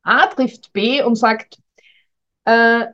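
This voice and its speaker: On a dull lo-fi recording, a middle-aged communication coach talks straight to the listener in a reflective advice monologue. Her voice is fairly high and slightly bright, with a steady tone, and she speaks extremely slowly in a thoughtful, hesitant way.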